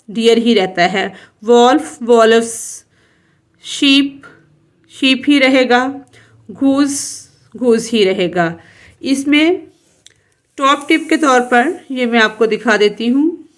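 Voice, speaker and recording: A woman teaches a textbook lesson, reading each English line with deliberate care before explaining it. Her voice sits a little high, and she moves at a very slow, patient pace, spelling words out letter by letter.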